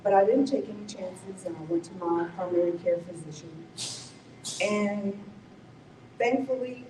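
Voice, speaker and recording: A woman's voice: mid-range voice, unhurried, reverberant, recorded from a distance, background noise. A woman telling her own cancer survival story at a community forum, reflective and correcting herself as she goes. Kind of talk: personal testimony at a forum.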